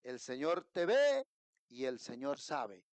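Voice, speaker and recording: A middle-aged Colombian man preaching a sermon as pastor, rising to emphatic peaks and dropping to quiet asides. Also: mid-range voice, sing-song, slow pace, dry recording. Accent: Colombian Spanish. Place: church.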